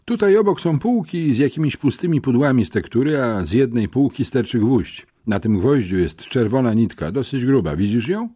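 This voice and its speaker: A man voicing a confident teenage boy detective who calmly reasons things out in a storybook. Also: mid-range voice, normal speed, hardly any pauses, husky, pitched above the performer's own voice. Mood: reasoning. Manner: calm, deductive, reassuring.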